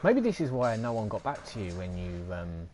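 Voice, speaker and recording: A man's voice: fairly low pitch, very animated, normal speed, over a noisy crowd, rough recording. A man chatting sarcastically and swearing while streaming a game. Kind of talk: casual gaming chat.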